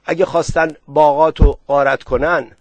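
A man's voice: a little high, fairly even intonation, no room sound, voice pushed up. A man voicing a worried middle-aged villager who presses others with anxious questions.

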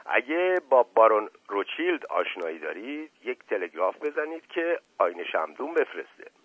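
A man's voice: fairly low pitch, very animated, husky, no room sound. A man voicing a witty middle-aged aristocrat who mocks and teases in a playful, sarcastic way, on a tinny radio recording. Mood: mocking. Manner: playful, sarcastic, repeats "moment" as a quip.

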